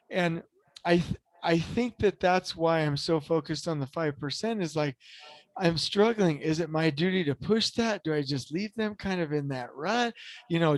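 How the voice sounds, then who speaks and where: Brief: male podcast host, slightly high voice, earnest and rambling, dry close sound. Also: dry recording. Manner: earnest, rambling, with many restarts and fillers; grows impassioned and emphatic. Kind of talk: casual motivational podcast talk.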